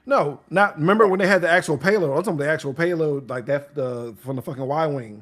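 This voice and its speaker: A man's voice: on the high side, quick pace. A man guesting on a fan podcast, bantering loosely with lots of swearing and laughter. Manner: laughing, profane, lively banter. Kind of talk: casual chat.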